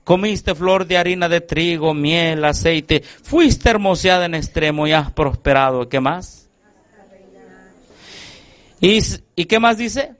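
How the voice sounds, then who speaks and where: A man with a high-pitched voice delivers a sermon at an unhurried pace. He reads scripture with weight and keeps asking the congregation questions so they answer back. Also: fairly bright tone. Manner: quizzes the congregation with repeated questions; reads scripture aloud with emphasis. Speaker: preacher.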